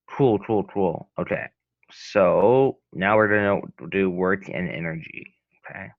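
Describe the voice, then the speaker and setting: A young man with a lowish voice walks through a lesson in a casual, rambling way, stopping and restarting his sentences often. The recording is dull and lo-fi, close and dry with no room sound. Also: vocal fry, no room sound. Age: young adult. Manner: hesitant, rambling, many restarts and fillers. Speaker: student tutor.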